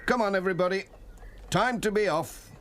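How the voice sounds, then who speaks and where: A man's voice: high-pitched, a little fast, a bit bright, slight background noise, pitched above the performer's own voice. A man voicing a kindly, cheerful, helpful village postman in a children's cartoon. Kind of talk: children's cartoon character acting.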